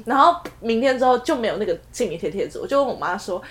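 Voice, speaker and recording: A woman's voice: a little high, quick pace. A young woman with a Taiwanese Mandarin accent, telling stories in a casual podcast chat and laughing often. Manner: animated storyteller, laughs often. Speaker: podcast co-host.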